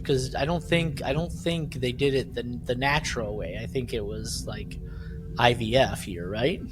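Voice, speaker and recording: Speaking at a moderate pace in a mid-range voice, a male podcast host casually recaps an audio drama, meandering along and often asking "right?" Music plays in the background, and background noise is clearly audible.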